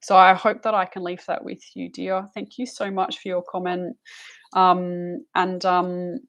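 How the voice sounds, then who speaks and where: A woman's voice: fairly low pitch, monotone, unhurried, fairly bright tone, highs cut off. A woman giving a live psychic reading, soothing and rambling, calling the listener love and honey. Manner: rambling with frequent restarts and fillers. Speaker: psychic reader.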